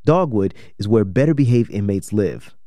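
A man's voice: fairly low pitch, lively intonation, moderate pace, mellow, dry recording, studio quality. A man hosting an investigative radio program, reading scripted documentary narration.

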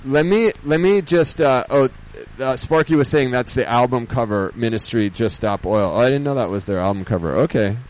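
A man hosting a radio show as DJ, chatting casually off the cuff in a halting, rambling way, thinking aloud. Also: medium pitch, low-quality recording. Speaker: radio host and DJ.

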